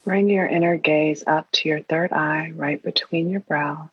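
A woman leading a guided meditation in an airy, breathy, soothing and hushed voice, leaving long pauses. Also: low-pitched, fairly even intonation. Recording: roomy, dull lo-fi sound.

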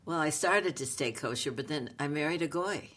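Woman, late eighties, New with flavor. Halting, wry, playful conversational storyteller. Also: low voice, a bit bright. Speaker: comedic actress, podcast co-host.

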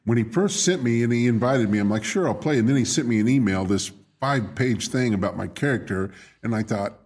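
A man in casual radio chat who talks haltingly, searching for words, but with enthusiasm. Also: medium pitch, darkish tone.

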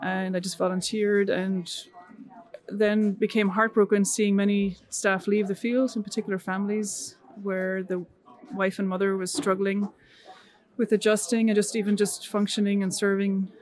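A woman's voice: medium pitch, little pitch movement, normal speed, a little mellow. A middle-aged woman from Ireland, earnestly telling her story as a missionary guest in a conversational interview. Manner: earnest, with frequent restarts and fillers.

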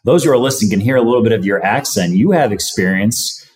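A man's voice: on the low side, lively intonation, fast, a little mellow. A man hosting a podcast, asking his guest questions in a conversational way. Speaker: podcast host. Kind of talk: casual podcast interview.

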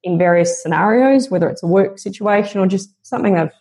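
A woman's voice: mid-range voice, fast, darkish tone. A woman guest on a podcast interview, speaking in an earnest, motivational and reflective way.

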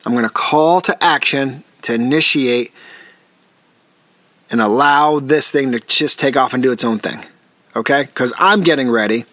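A man's voice: mid-range voice, moderate pace, fairly bright tone, dry recording. A man hosting his own podcast, talking straight to his listeners as folks in an earnest, encouraging way and often repeating or restarting his phrases. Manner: addresses listeners directly as folks. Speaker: podcast host. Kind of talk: solo podcast monologue.

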